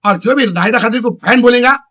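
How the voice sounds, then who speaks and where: Loud high-voiced man ranting. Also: fairly quick. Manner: loud, repetitive, declaiming in short bursts. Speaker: local news channel chairman. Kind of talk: ranting address to camera.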